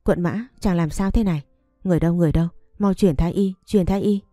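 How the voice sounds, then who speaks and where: A woman's voice: lowish voice, quick pace, dark tone, no echo, close to an everyday voice. A woman reading the lines of a haughty young princess in a harsh, commanding way. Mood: frantic. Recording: dry close recording, faint music behind.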